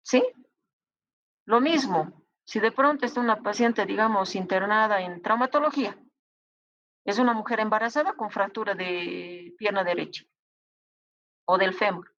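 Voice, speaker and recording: A woman's voice: medium pitch, normal speed, long pauses, fairly bright tone, no echo, muffled recording. Woman lecturing medical students. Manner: advising, acts out colleagues' dialogue. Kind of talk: university lecture.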